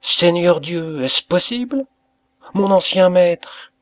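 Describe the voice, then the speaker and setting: A man's voice: medium pitch, a little slow, no echo, close to an everyday voice. A man voicing an emotional, grateful innkeeper who speaks in raised, exclamatory bursts. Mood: overjoyed. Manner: effusive, exclamatory.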